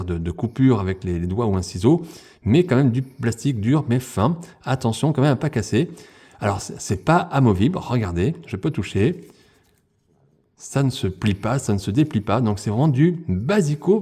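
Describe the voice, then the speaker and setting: A man's voice: on the low side, expressive, moderate pace, mellow, slightly rough. A man casually unboxing and reviewing a toy figure, talking to his viewers with frequent hesitations and fillers. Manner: hesitant, many fillers, addresses viewers as friends.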